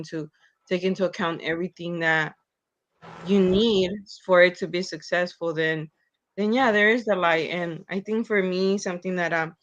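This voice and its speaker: A woman heard over a dull, lo-fi video call connection that sounds muffled and a little distant. Her voice sits fairly low, and she speaks in a reflective, hesitant way, pausing often with fillers as she works through her thoughts. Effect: muffled, lo-fi video call line from a distance. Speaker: student leader. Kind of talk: video call panel discussion. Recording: dull lo-fi remote call audio.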